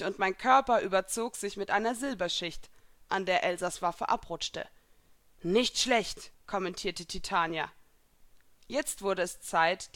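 A woman reading first-person fan fiction aloud in a calm, even storytelling voice. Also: medium pitch, no room sound.

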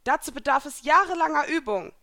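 A woman reads out a proud young woman warrior from a storybook fight scene, commanding and taunting. Her voice sits higher than her narration and carries a forceful edge. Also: animated, brisk, exaggerated voice. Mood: fierce, taunting.

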